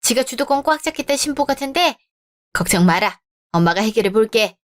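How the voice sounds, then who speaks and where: A woman's voice: fairly high pitch, expressive, a little fast, lightly acted. A woman voicing a meddling middle-aged mother who dotes on her son and is haughty about his fiancée, in a radio drama. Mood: indignant.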